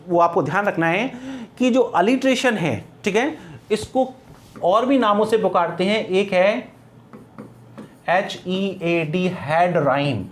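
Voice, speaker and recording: A man teaching an exam-prep class, asking his students questions and then answering them himself. He slows down carefully to spell out words and examples, then moves on in a steady classroom voice. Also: high voice, slight background noise. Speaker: English teacher.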